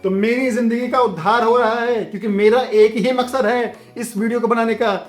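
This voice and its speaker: A man's voice: very high voice, fairly even intonation. A man giving an online physics lesson in a chatty style, often checking in with his students. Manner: chatty, keeps asking "theek hai bachchon"; reads the question aloud slowly. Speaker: physics teacher.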